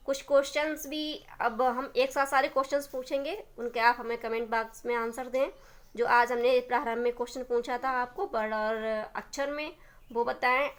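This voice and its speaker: A woman teaching a grammar lesson, asking questions and answering them herself, sometimes drawing out example sounds. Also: a little high. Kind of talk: blackboard-style grammar lesson.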